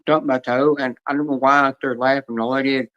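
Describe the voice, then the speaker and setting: A man's voice: mid-range voice, steady tone, fairly quick, fairly bright tone. A man chatting casually on a stream, rambling through long stories. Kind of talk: casual chat. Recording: dull lo-fi stream audio.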